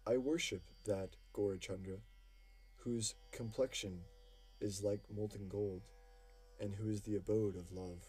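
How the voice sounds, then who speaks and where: A man with a lowish, mellow voice reads devotional verses for an audiobook, slow and reverent. His tone is a little husky, and faint instrumental music plays underneath. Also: steady tone. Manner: slow, measured, reverent delivery. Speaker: audiobook reader. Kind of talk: devotional scripture reading. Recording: music playing faintly behind.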